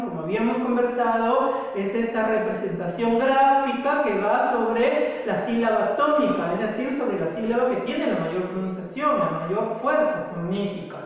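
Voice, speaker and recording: A woman from South America teaching a recorded grammar lesson, explaining patiently, repeating examples and checking in with the listener. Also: on the high side. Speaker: language teacher. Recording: echoey room with long reverb.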